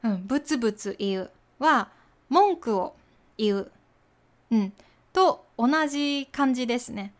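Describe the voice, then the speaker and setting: A woman hosts a Japanese lesson podcast, speaking slowly and patiently. Her voice sits a little high, and she leans on soft fillers and example sentences. A light slips through. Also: expressive. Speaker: podcast host teaching Japanese.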